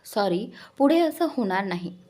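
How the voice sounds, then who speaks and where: A woman's voice: medium pitch, sing-song, a little slow, darkish tone. A woman voicing a brave, defiant young heroine in an audio story, who sounds frightened but stands firm.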